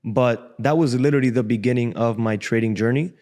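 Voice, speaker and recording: Brisk and frank, a twenties-aged trader born in Cuba and raised in Miami shares his personal story as a podcast guest, slipping into casual slang in an easy manner. A desk boom mic in the studio captures him closely.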